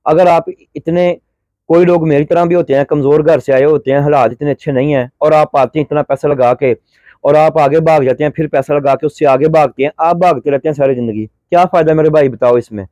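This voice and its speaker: A man's voice: on the high side, steady tone, mellow, dry recording. A middle-aged man from Pakistan giving brotherly, pleading advice in a vlog, feeling a little unwell. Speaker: vlogger giving advice to migrants.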